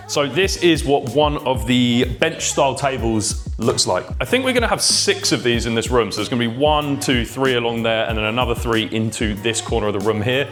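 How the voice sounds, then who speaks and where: A man with a medium-pitched, fairly bright voice gives a casual video tour to camera inside a shop that's being fitted out. He's a vlogger and the shop's owner, and he explains things in loose phrases full of fillers.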